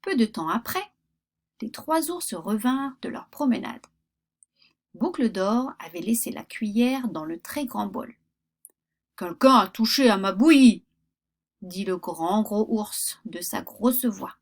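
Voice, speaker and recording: A woman reading a children's fairy tale aloud, expressive with pauses. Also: medium pitch. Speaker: storyteller.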